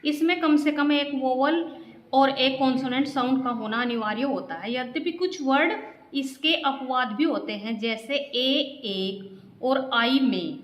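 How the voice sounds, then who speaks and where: High-pitched woman teaching children. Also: measured pace, roomy sound, dull audio. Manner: patient, spells out letters one by one; repeats points and keeps addressing the children. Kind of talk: explaining grammar to children.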